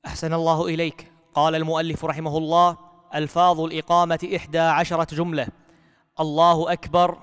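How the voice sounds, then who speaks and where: A man reading a legal text aloud to his teacher in a formal, even recitation. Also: a little high, quick pace, clean tone, big-room sound.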